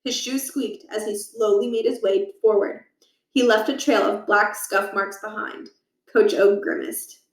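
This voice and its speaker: Roomy echo surrounds a woman who reads a children's story aloud from a distance to the mic. She uses a mid-range voice, putting deliberate stress on words and telling the tale expressively.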